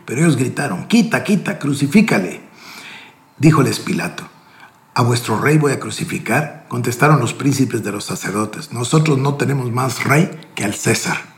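A man's voice: medium pitch, creaky. A man preaching, reading scripture aloud with emphatic, rising delivery and then commenting on it. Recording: echoey room.

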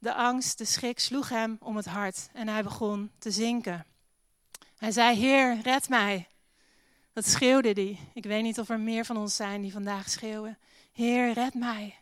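A woman's voice: medium pitch, steady tone, moderate pace, clean tone, clean studio sound. A woman preaching a sermon in a church hall, earnest, reading scripture aloud and leading a prayer, with an occasional English phrase.

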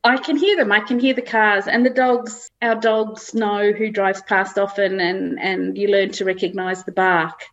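A middle-aged woman with an Australian accent chats casually as a guest and tells farm stories in an easygoing, anecdotal way. Her voice sits at an ordinary pitch for a woman. The audio is slightly dull and lo-fi. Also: steady tone, moderate pace, few pauses, a bit bright. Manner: chatty, anecdotal storytelling. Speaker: farmer guest. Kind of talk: casual chat.

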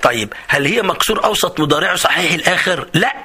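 Casting: Egyptian male teacher, lively and chatty, sharp bright tone, slightly husky. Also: sits high, fast talker. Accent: Egyptian Arabic. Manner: lively, chatty, acts out student questions. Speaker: Arabic teacher. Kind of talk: exam review lesson.

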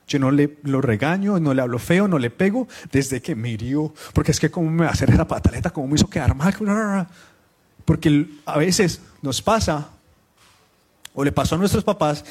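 A man's voice: fairly high pitch, darkish tone. A young father preaching a live sermon to a congregation, speaking conversationally, questioning the people in the room directly and joking with them now and then. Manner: teasing asides with the audience.

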